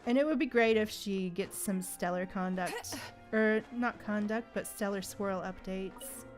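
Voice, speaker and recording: Soft music plays behind a woman running a laid-back gaming stream, where she talks with her audience and muses aloud in a playful, conversational manner. She speaks a little slowly in a mid-range voice.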